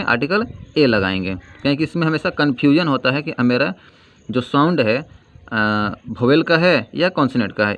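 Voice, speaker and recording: A male grammar teacher giving a lesson, asking questions and answering them himself and repeating key terms slowly. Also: a little high. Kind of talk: classroom-style grammar lesson. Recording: dull lo-fi sound with faint noise.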